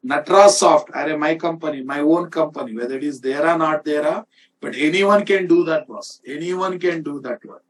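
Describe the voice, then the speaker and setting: A man's voice: fairly high pitch, moderate pace. Indian man lecturing, distant mic. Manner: emphatic, repetitive, checking with students. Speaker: programming instructor. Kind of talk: informal screen-shared software lecture. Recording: distant-sounding microphone.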